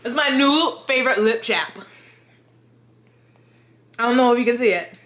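A drunk woman in her thirties giving a rambling, exasperated, sweary book review rant in an animated, emphatic way. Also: on the high side, normal speed. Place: living room with bookshelves, indoors. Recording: roomy home echo.

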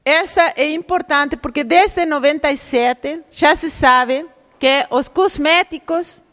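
A woman's voice: sits high, takes it slowly, a bit bright. A woman giving a public lecture, explaining step by step and often checking in with her audience. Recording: reverberant lecture hall.

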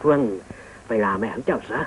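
An actor playing a kind, wise old male hermit who speaks gently to his grandson, in an old cartoon. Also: normal speed, background noise, natural voice. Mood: fatherly. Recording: tinny old film soundtrack with music.

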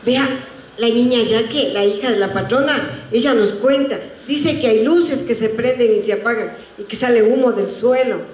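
Woman doing a pushy young housemaid, coaxing, higher voice, echoey room. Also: moderate pace, a little mellow, a little hiss or hum, close to an everyday voice. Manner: insistent, coaxing.

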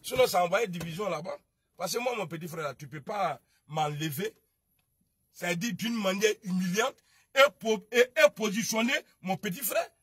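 A man with an Ivorian French accent ranting on a political livestream, scolding and shouting, then dropping to low mutters. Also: expressive, normal speed, husky, no echo. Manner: shouting, scolding, swings between loud outbursts and low muttering. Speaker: online video commentator. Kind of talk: heated political livestream rant.

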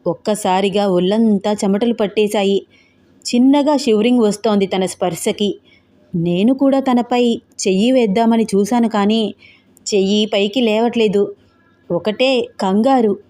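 A woman reads an audio novel at a middle pitch, with steady, even storytelling. Her narration is scripted and carries the story along. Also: measured pace.

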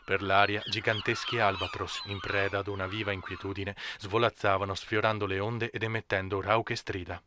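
A man narrating an amateur audiobook in a measured, steady way. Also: on the low side, slight background noise. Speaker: audiobook reader.

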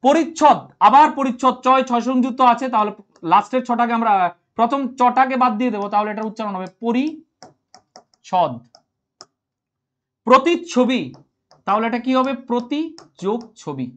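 A man's voice: extremely high pitch, fairly even intonation, fast, fairly bright tone. A man teaching a live online grammar class, repeating each point and checking that everyone understood. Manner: reads out and answers viewer comments, repeats points, asks if clear.

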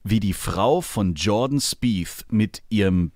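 Lively-voiced man hosting a podcast. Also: fairly low pitch, no room sound, clean studio sound. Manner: playful, teasing, quick banter. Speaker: podcast host. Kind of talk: casual chat. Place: office. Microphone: remote call.

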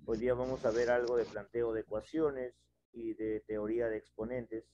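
A middle-aged man teaches math online at a whiteboard from a small room at home, wearing a headset and patiently working through a problem step by step, asking his students questions as he goes. His mid-range voice has a dark tone, fairly even intonation and normal pacing. The video call audio is dull and lo-fi, with a faint hiss or hum.

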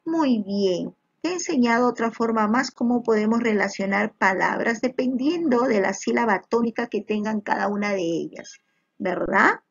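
Patient teacher woman, gravelly and husky. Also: fairly high pitch, moderate pace, highs cut off. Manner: patient and encouraging, frequent checking questions; addresses pupils as little children. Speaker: primary school teacher. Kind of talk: recorded online lesson over slides.

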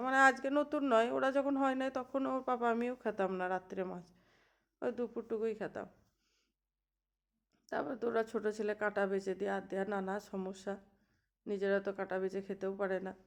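A woman's voice: medium pitch, fairly even intonation, fairly quick, creaky. A woman in her thirties chatting in a homely, rambling way as she narrates a cooking vlog in her home kitchen. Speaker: housewife vlogger.

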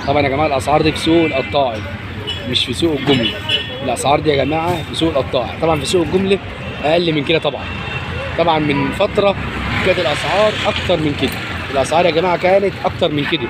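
Rapid-fire Egyptian man reporting over street noise. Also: on the high side. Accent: Egyptian Arabic. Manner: repetitive announcing of prices to viewers. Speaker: market vlogger, presenter. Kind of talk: street-market price report. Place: outdoor street market. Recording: very noisy outdoor street with traffic.

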